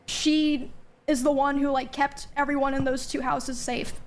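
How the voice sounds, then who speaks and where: A young woman with a high, light voice gives a candid first-person account. She talks haltingly, scattering ums and likes through every sentence as she works through what happened. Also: flat delivery. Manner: hesitant, full of ums and likes. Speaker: streamer recounting personal events.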